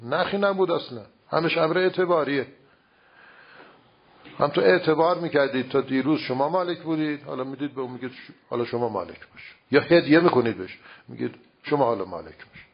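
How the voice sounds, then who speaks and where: His mid-range voice has vocal fry and a breathy edge as he lectures informally on religious philosophy. He leans on everyday examples and rhetorical questions, captured in a dull lo-fi recording.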